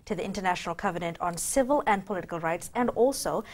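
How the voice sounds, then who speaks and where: A woman's voice: fairly low pitch, lively intonation, fast, slight background noise. A woman, hosting a formal current affairs interview in a TV studio. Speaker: TV interview host. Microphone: lapel mic.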